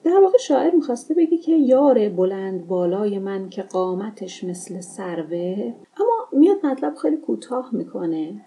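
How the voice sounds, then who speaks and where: A woman teaching a literature lesson, explaining step by step in a measured way and slowing down to recite verses and examples. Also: mid-range voice, dark tone.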